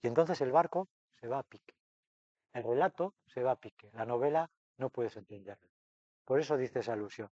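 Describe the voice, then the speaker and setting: A middle-aged man giving a lively literature lesson to a class, acting out quoted lines with a raised voice. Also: mid-range voice, a little fast, dry recording, muffled recording. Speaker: literature workshop teacher.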